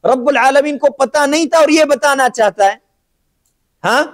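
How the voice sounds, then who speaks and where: High-voiced man teaching religious law. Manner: keeps asking students if they understood; poses and answers his own rhetorical questions. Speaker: Islamic teacher. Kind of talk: classroom lecture on Islamic jurisprudence.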